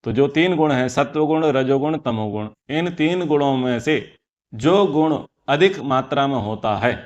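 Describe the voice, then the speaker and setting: A man's voice: medium pitch, lively intonation, measured pace, dull audio. A man teaching a scripture class, explaining earnestly and repeating key phrases for emphasis. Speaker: Vedic teacher.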